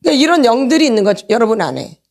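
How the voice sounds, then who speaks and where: A woman's voice: fairly high pitch, sing-song, darkish tone. Questioning woman pastor preaching. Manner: asks the congregation constant questions; quotes scripture slowly. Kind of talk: sermon teaching. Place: church meeting hall.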